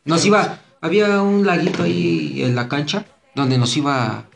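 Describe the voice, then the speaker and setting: A man's voice: on the high side, steady tone, normal speed, vocal fry. A man with a Mexican accent, joking crudely and laughing as he swaps stories with friends. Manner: laughs often, swears a lot. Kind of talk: casual crude joking banter. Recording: echoey room.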